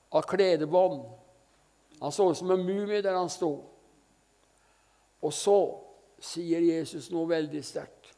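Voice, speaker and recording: An older male evangelist preaches with fervour, his fairly high voice carrying a gravelly edge. His tone is dark and mellow, and he tells his stories with frequent hallelujahs. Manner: fervent storytelling, frequent hallelujahs. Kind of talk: sermon. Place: church meeting.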